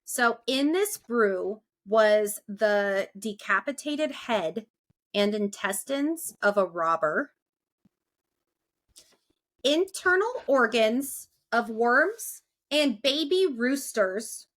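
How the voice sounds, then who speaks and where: A woman's voice: fairly high pitch, expressive, very slow, a bit bright. A young woman hosting a podcast in casual, chatty talk, laughing often. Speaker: podcast host.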